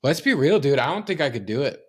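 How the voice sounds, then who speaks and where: A man's voice: mid-range voice, very animated, fast, a little hiss or hum. A man co-hosting a podcast in casual chat, swearing and sarcastic, thinking aloud with lots of restarts. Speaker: podcast co-host.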